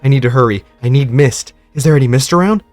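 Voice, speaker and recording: A man's voice: mid-range voice, fast, a little mellow, no echo, soft background music, natural voice. A man voicing a panicked, desperate man who mutters frantically, in a game story reading. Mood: frantic.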